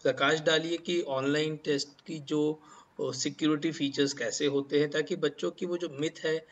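A man's voice: on the high side, fairly even intonation, normal speed. A man interviewing a guest, asking questions politely and calling him sir. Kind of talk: conversational interview.

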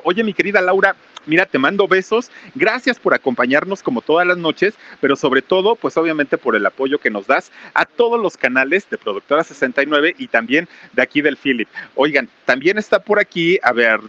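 A man reads viewer greetings on an outdoor live stream while sheltering under a small roof from heavy rain, his voice raised and casual. It's on the high side, pushed and bright. The sound is lo-fi, captured by a camera mic with crew nearby.

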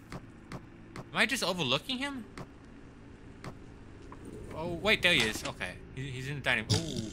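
An excitable man commenting on a horror game as he plays, swearing when something startles him. His voice sits high and swings widely in pitch. Clear background noise sits under the recording. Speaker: let's play host.

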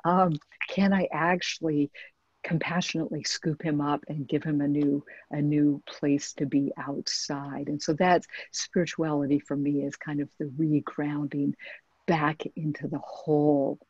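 A woman's voice: sits low, level tone, unhurried, a little mellow, husky, no room sound. A woman author speaking thoughtfully on a webinar video call, hesitant with many restarts. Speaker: author guest. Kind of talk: reflective webinar conversation. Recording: muffled video call audio.

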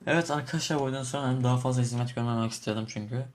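A young man giving excited commentary on a game he is playing, shouting and cursing at it through a cheap desk microphone. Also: mid-range voice, very fast. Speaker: gaming YouTuber. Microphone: cheap desk microphone on a laptop. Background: game music.

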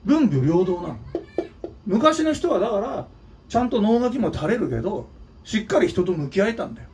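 A man from Nagano, Japan, delivers a blunt, scolding opinion monologue with a fairly high voice that swings widely in pitch. He sits back from the mic, with a faint hiss of noise behind him. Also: big pitch swings, normal speed, darkish tone, far from the mic. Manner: blunt and scolding, with mocking asides. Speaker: channel host and drummer.

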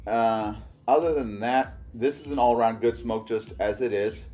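A man reviewing hookah tobacco outdoors in a relaxed, rambling vlog, talking with a hookah hose at his lips. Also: mid-range voice, normal speed, soft background music.

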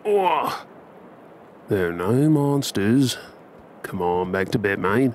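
In an intimate ASMR role play, a man with an Australian accent plays a tender, playful husband and father, coaxing and affectionate in a reassuring way. His voice sits on the low side, slow and a little mellow with lively intonation, and there's slight background noise.

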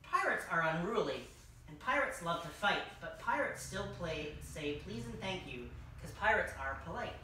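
Dressed as a king, a young adult hosts a children's story time and reads a picture book aloud in a mid-range, expressive voice that is bright and forceful at a moderate pace. A distant camera mic in a large, furnished indoor room captures echo and faint noise.

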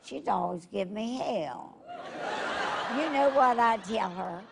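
A woman's voice: medium pitch, lively intonation, slow, gravelly. A very old woman, chatting in a spry, feisty way as a talk show guest. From West Virginia. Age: 90s or older. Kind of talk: casual chat. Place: TV studio couch before an audience. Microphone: body-worn wireless mic. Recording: loud audience noise in studio.

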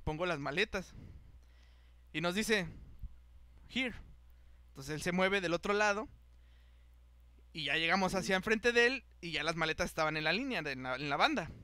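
A man's voice: high voice, brisk, long pauses, clean tone, no echo. A young man with a Mexican accent telling a travel story on a podcast. He talks in casual slang and acts out the people in it. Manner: animated, acts out the voices of people in his story, heavy slang. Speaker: podcast host.

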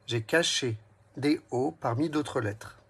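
Slow, husky man teaching children to read. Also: medium pitch. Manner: says each word twice and splits it into syllables; addresses the child directly and gently. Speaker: teacher of a reading lesson for young children. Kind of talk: slow, clearly spelled-out early reading lesson.

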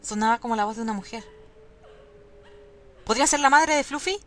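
A woman's voice: a little high, a little fast, lightly acted. A woman reading aloud the lines of a troubled young man searching a ruined hospital, in a plain reading voice. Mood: worried. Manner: reads dialogue boxes aloud, plainly.

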